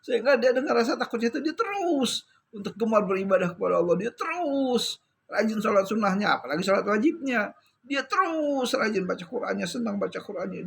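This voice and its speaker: A man preaching a sermon, telling stories with lively drama and dropping short "ya" tags between phrases. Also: very high-pitched, vocal fry, husky. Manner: lively storyteller, acting out the characters he tells about.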